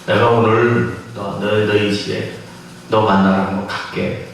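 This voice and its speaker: Preacher guy putting on a gentle patient jesus, low and slow, boomy echo from far back. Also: little pitch movement, a little hiss or hum. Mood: solemn. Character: gentle adult male Jesus, calm and patient. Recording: echoey church hall from afar.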